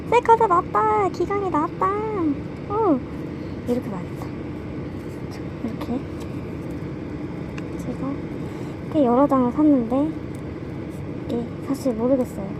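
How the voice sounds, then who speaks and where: Young woman, high voice, excitable unboxing vlog chatter, noisy background. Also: unhurried, pauses often. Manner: excitable, gasping and squealing over merch. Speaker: vlogger.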